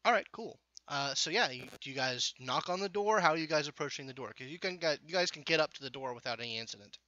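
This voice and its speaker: A man's voice: fairly high pitch, animated, fast talker, bright, forceful tone, no room sound. A man narrating as game master for a tabletop game, talking with many fillers and restarts. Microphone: video call. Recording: muffled, lo-fi online call.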